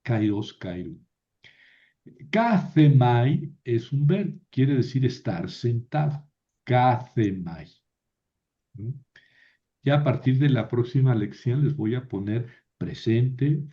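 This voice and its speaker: A man teaching biblical Greek in a recorded lecture, halting often to repeat and correct himself. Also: medium pitch, lively intonation, lo-fi sound.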